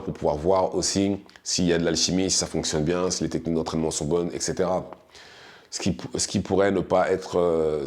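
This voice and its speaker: Male boxing commentator, deep voice, casual hesitant delivery with restarts. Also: darkish tone. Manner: hesitant, many restarts and fillers, conversational. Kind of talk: casual spoken analysis.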